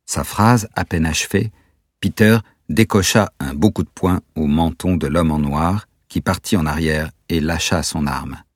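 A man reads a novel aloud in a measured storytelling manner. His voice is very low and husky. The recording is close and dry. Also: dry recording. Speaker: audiobook narrator. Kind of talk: scripted narration.

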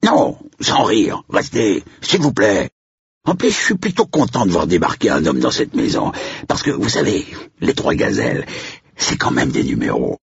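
Picture a rough-edged country caretaker with a very deep, gravelly voice that lurches up and down as he talks, as a male narrator puts him on. He is blunt and slangy, full of crude threats and sudden cheer. The sound is dull and dry, like a lo-fi recording. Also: huge pitch swings, moderate pace, dry recording, full character voice. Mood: affable. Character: gruff rural male estate caretaker, jumpy then jovial.

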